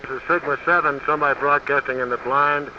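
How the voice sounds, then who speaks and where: Man on a garbled, breaking-up radio call. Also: a little high. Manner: calm, matter-of-fact, with hesitant "uh" pauses. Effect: garbled radio link with the call breaking up. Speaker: astronaut in a spacecraft. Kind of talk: clipped radio procedure talk. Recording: muffled, hissy 1960s radio transmission.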